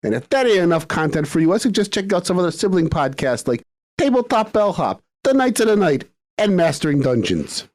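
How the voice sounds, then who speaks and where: A man's voice: sits high, big pitch swings, a little fast, a little mellow. A male podcast co-host, laughing and teasing in casual chat, listing other shows. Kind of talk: casual chat and show plugs.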